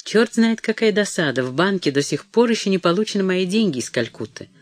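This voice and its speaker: A man's voice: sits high, animated, brisk, no room sound, voice pushed up. A man doing a curt, scheming son. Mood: demanding. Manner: curt, bitter and demanding. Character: rude, scheming young grown son.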